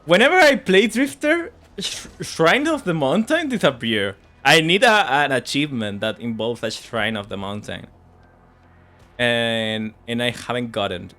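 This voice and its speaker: A man with a medium-pitched, expressive voice speaks a little slowly, his tone pushed and bright. A native Spanish speaker with a Spanish accent, he chats casually on a gaming livestream, laughing often and repeating words when he stumbles.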